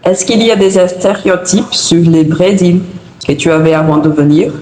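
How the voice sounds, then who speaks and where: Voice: mid-range voice, normal speed, a little mellow. A podcast host interviewing a guest with brief questions. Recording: echoey room, faint noise.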